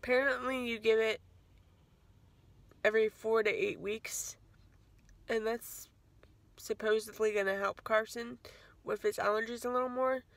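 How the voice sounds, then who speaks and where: A woman's voice: fairly high pitch, fairly even intonation, unhurried, long pauses, no echo. A woman in her thirties giving a casual, rambling vlog update into a phone held at arm's length. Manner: chatty, rambling, self-correcting. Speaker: vlogger. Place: home kitchen, then parked car.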